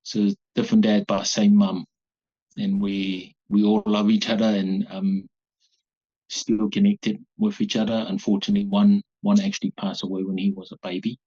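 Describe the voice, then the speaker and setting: Husky-voiced man from Samoa, halting. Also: fairly low pitch, level tone, warm tone, muffled recording. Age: 40s. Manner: halting, searching for words. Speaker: guest, abuse survivor. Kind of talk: personal interview.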